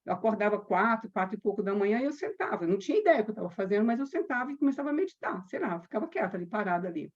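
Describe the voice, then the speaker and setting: A woman from Brazil, a yoga teacher, telling a personal story with quoted dialogue and slow chanted mantras. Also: medium pitch, expressive. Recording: dull lo-fi sound.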